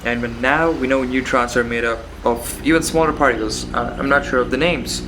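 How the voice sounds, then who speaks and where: A man of medium pitch thinks aloud in a solo philosophical monologue. He moves haltingly, repeating phrases and posing questions to himself. Faint background noise with crickets and insects sits behind his voice. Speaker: solo host of a philosophical talk.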